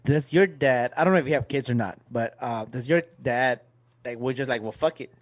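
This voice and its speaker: A man's voice: medium pitch, brisk, no room sound. A young man co-hosting a podcast, chatting casually, laughing and swearing, mixing in Spanish. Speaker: podcast co-host. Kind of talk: casual chat.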